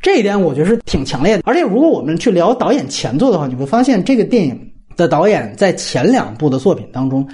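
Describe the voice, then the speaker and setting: Animated man in a film-talk podcast. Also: a little high, quick pace. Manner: animated, explains at length, acts out quoted lines. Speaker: podcast host, film critic. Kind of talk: casual film discussion.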